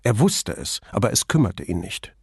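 A man reading an audiobook in measured, even scripted narration. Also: lowish voice, creaky, breathy edge, no echo, studio quality.

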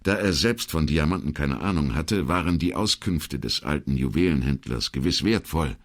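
A man narrating an audiobook in an extremely low, gravelly voice. His delivery is expressive and his pitch moves a lot. There is a husky edge throughout. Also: normal speed. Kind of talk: scripted narration.

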